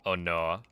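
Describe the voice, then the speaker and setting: A man streaming a speedrun, chatting casually and easygoingly while reacting to his viewers' messages. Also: deep voice. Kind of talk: casual live-stream chat.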